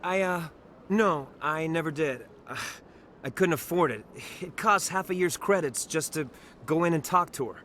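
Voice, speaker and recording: A man's voice: fairly high pitch, brisk, fairly bright tone, a little hiss or hum, natural voice. An actor playing a nervous young male private who stammers when flustered.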